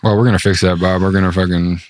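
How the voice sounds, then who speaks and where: A man's voice: low voice, flat delivery, fast talker, dry recording. A man hosting a podcast in casual chat, laid-back, slangy and full of swearing. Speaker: podcast host.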